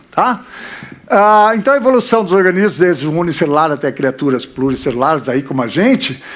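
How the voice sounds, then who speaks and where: High-voiced Brazilian man lecturing playfully. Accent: Brazilian Portuguese. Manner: playful, with crude jokes and rhetorical questions; deliberately shifts between loud and soft. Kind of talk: relaxed live lecture.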